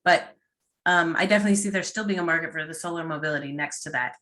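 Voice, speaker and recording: A woman's voice: low-pitched, fast, sharp tone. A woman speaking as the guest in a casual online panel discussion, enthusiastic, with plenty of ums and likes. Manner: enthusiastic, talks with fillers.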